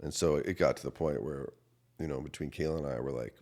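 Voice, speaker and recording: Deep gravelly-voiced man telling his story. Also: fairly even intonation, quick pace. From United States. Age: 30s. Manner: earnest and emotional storytelling, swinging from quiet to loud. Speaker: associate pastor. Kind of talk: personal testimony in a podcast interview.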